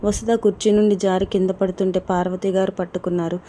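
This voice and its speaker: A woman's voice: medium pitch, level tone, quick pace, warm tone, a little hiss or hum. A woman narrating a dramatic story in scripted storytelling style.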